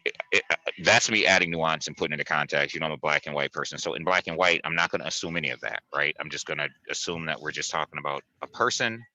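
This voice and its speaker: A man with an extremely low but very bright, forceful voice co-hosts a casual analytical talk show. He is deliberate, circling back to qualify his points and checking in as he goes. The sound is dry and close. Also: no echo, low-quality recording. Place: at work, speaking through a mask.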